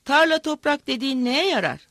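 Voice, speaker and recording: A woman voicing a fierce, grieving old village woman who shouts her defiance in a storybook reading. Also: sits high, lively intonation, brisk, no echo, voice pushed up. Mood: furious.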